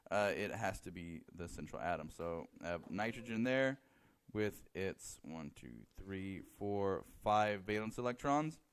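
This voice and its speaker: A man's voice: sits low, very animated, a little slow, clean tone. A man teaching chemistry in a classroom, joking with students and counting aloud as he draws. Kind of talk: classroom lecture.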